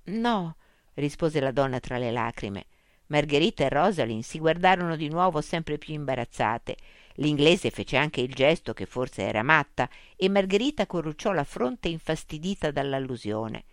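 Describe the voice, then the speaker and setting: A woman narrating a story in a measured, expressive reading. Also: sits low, dry recording, clean studio sound. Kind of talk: audiobook narration.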